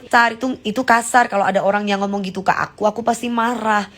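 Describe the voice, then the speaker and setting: A woman's voice: medium pitch, fairly even intonation, fast talker, fairly bright tone. A woman chatting casually on a phone live stream, explaining slang acted-out examples.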